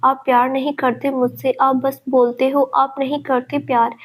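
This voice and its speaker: A hurt, stubborn young woman from a storybook, drunk and tearful, pleading and reproaching her lover, as a woman narrator puts her on. The voice sits high and barely moves in pitch, with the same reading tone as the narration. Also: little pitch movement, moderate pace.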